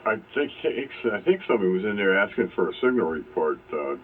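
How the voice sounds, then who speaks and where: Low-pitched and very animated, this ham radio operator talks fast in a casual technical exchange over AM shortwave. His voice comes through phone-like AM audio with a faint hiss of noise.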